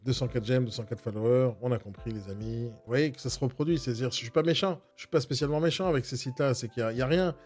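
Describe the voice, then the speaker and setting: A man's voice: medium pitch, racing, few pauses, a little mellow. A man who coaches real estate agents gives a blunt, exasperated, mocking casual critique of agency websites.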